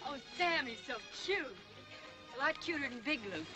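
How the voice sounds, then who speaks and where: A young frontier girl with a high voice and an American Western accent. She speaks artlessly and emotionally, proud yet easily wounded. It sounds like an old film drama with music underneath. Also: animated, moderate pace. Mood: delighted, tender. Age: young adult. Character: impulsive, wounded young frontier woman with fierce pride. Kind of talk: 1940s Western film acting.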